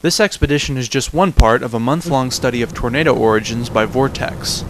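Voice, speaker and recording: A man's voice: medium pitch, fairly quick, noisy background. A man reading scripted narration for a news feature.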